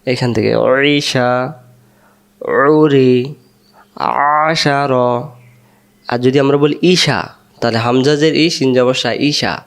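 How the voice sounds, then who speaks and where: A man's voice: medium pitch, moderate pace, fairly bright tone. A man teaching Arabic letter pronunciation, patiently spelling out letters and syllables and drawing out vowels. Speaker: Quran reading teacher. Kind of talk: slow spelling-out lesson with drawn-out sounds.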